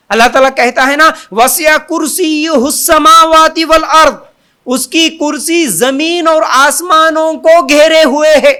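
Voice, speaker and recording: A man's voice: very high-pitched, pushed and bright. A man preaching a sermon, building long repeated lists and rhetorical questions and stretching out the call of God's greatness. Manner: emphatic, drawn-out takbir calls. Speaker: Islamic preacher. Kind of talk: Urdu sermon.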